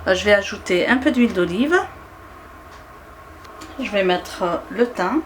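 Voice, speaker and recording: An Algerian woman, Arabic being her first language, speaks French with an Algerian accent on her cooking channel. She guides viewers through a recipe one step at a time, gently and hesitantly, with lots of filler sounds. Her voice is medium-pitched and unhurried, with a slight hiss or hum in the recording.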